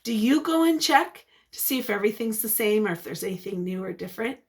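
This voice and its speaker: A medium-pitched woman's voice reads a picture book as a teacher might. The tone is expressive and warm with encouragement, and she stops to ask the young listeners things.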